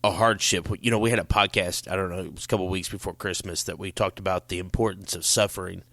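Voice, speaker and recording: A man's voice: low-pitched, fairly even intonation, fast talker, a bit bright, no room sound. A man co-hosting a faith podcast, reflective and affirming in casual chat. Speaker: podcast co-host.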